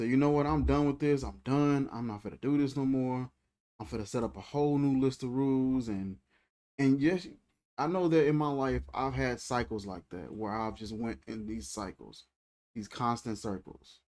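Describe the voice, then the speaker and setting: A man's voice: mid-range voice, darkish tone. A man in his thirties giving a reflective, conversational faith talk, repeating phrases and speaking in a loose, colloquial way. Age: 30s. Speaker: faith channel host.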